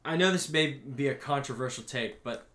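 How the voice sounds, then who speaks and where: Medium in pitch and fairly bright, this man's voice comes from a casual anime podcast he co-hosts. He rambles and restarts a lot, swears now and then, and tosses off characters' lines in quick asides, all with a roomy echo.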